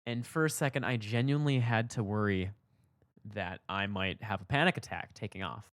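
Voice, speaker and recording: A young man hosting a podcast, telling a personal story in a candid, reflective way, his voice jumping up for emphasis and dropping low for asides. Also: moderate pace, no room sound, studio quality. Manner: reflective, candid, swings between loud emphasis and soft asides. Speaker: podcast host.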